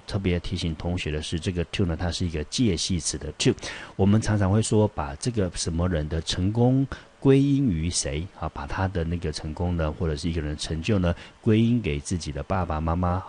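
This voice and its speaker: A low-pitched man with a Taiwanese Mandarin accent walks students through English vocabulary for an exam. He explains patiently and repeats each word, with many fillers along the way. A faint hiss sits under the recording. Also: a little mellow. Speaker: English teacher.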